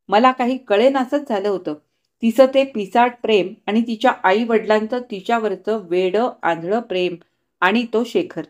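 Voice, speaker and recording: A woman reading a short story aloud, with expressive, steady narration. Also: medium pitch.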